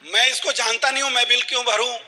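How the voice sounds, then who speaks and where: A man's voice: extremely high pitch, steady tone, fast, bright, forceful tone, long reverb tail, full character voice. A man voicing a flustered young married man who indignantly protests a false accusation, inside a motivational story.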